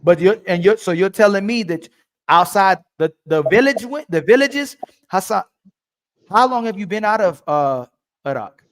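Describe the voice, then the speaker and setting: A man's voice: sits high, animated, moderate pace. A man hosting a livestream call-in debate, pressing his caller with repeated questions. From family from Turkey. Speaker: livestream host.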